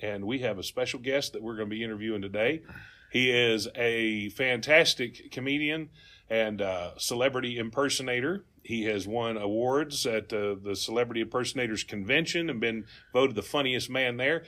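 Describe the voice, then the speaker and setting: A man with a Southern US accent and a slow drawl, hosting a folksy comedy podcast. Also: medium pitch, pushed and bright. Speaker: podcast host.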